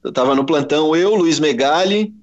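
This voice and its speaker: A Brazilian sports journalist, a man, telling an animated anecdote in a casual interview, quoting voices along the way. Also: fairly high pitch, moderate pace. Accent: Brazilian Portuguese. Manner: animated anecdote with quoted voices, many restarts. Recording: slightly dull lo-fi audio.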